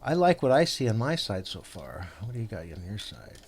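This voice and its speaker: A man hosting a tabletop game session, patiently explaining the rules to his opponent in a halting, rambling way full of fillers and restarts. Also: on the low side, huge pitch swings, darkish tone, slight background noise. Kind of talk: casual tabletop game chat.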